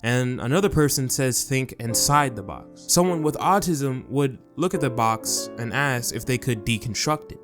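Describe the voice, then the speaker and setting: A man talks through a casual video essay at a middle pitch. His delivery is chatty, jokey and self-aware, and music plays clearly behind him.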